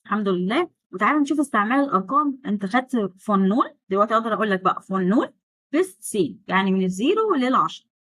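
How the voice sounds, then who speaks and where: An Egyptian woman leads an online German lesson in a fairly high voice, chatty and sarcastic. She drills pronunciation by repeating words slowly between rapid asides. The recording is close and dry. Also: fairly bright tone, no room sound, low-quality recording. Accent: Egyptian Arabic. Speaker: German teacher.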